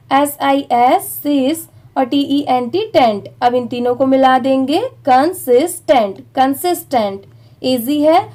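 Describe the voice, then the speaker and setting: A woman with an Indian accent teaching English reading, spelling words out letter by letter and then blending them, with slow, careful English reading. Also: high-pitched, mellow.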